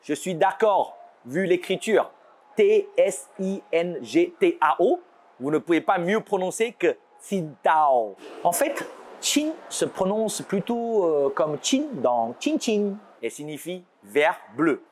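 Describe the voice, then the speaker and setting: A man presents a scripted educational segment in a slightly high voice. His pitch swings widely as he explains, and he slips in playful asides. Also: big pitch swings, slow, darkish tone. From China. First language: Chinese. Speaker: show host.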